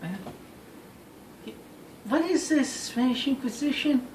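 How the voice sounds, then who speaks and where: A young adult man tells a story casually to friends, sounding exasperated and emphatic and repeating himself a lot. His voice is extremely high-pitched with a darkish tone, and he takes it slowly. A phone camera across a small indoor bedroom captures him, giving a roomy, noisy, distant recording.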